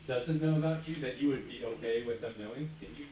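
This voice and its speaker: A man moderating a panel discussion in a relaxed, conversational way. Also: medium pitch, quick pace, a little hiss or hum. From United States. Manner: relaxed, conversational, informal fillers. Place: large conference hall. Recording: echoey hall from far off with audience.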